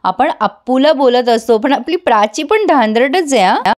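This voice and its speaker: A woman voicing a gentle, indulgent grandmother. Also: high-pitched, expressive, moderate pace.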